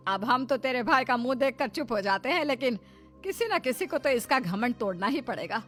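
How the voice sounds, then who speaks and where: A woman voicing a firm, motherly older mother-in-law who scolds gently. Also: on the high side, lively intonation, brisk, faint music behind, natural voice. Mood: stern. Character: stern but fond older mother-in-law.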